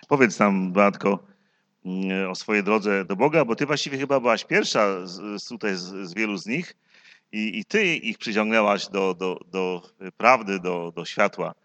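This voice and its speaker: A man's voice: on the low side, sharp tone. A man serving as pastor, leading a church service and introducing a member, with some hesitant restarts.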